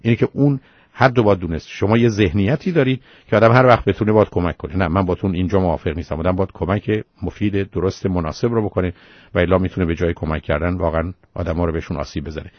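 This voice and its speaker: A man hosting a radio call-in show, calmly reasoning through advice to a caller point by point. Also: low voice, no echo. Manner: calm, reasoning, lists points in order. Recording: dull lo-fi radio sound.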